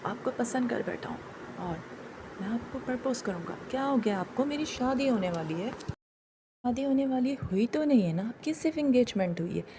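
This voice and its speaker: A woman's voice: on the high side, lively intonation, moderate pace, background noise. A woman voicing an earnest, lovestruck young man who keeps pleading his feelings in a dramatized story reading. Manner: earnest, repeats his confession insistently.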